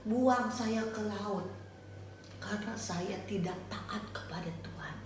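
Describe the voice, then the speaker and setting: A woman voicing a sorrowful, repentant man in a children's Bible story, soft and hushed. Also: high-pitched, fairly even intonation, slow, heavy reverb, slight background noise, heavily acted. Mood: resigned.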